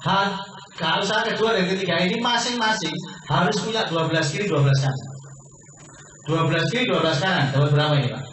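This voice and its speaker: In a big hall full of echo, a high-voiced, slightly bright presenter sells a business opportunity, addressing each listener as sir and peppering them with fast questions. The mic catches him from far away, over a faint hum of room ambience.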